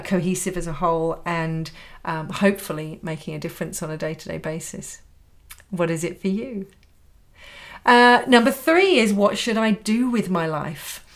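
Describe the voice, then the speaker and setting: A woman hosting a reflective solo podcast, thinking aloud and putting rhetorical questions to the listener. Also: fairly low pitch. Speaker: podcast host.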